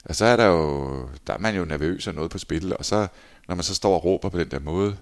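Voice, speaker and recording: A man in his forties, a former handball goalkeeper, telling lively anecdotes in a casual interview and acting out quoted lines. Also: low-pitched. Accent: Danish. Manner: animated anecdotes, acts out shouted quotes.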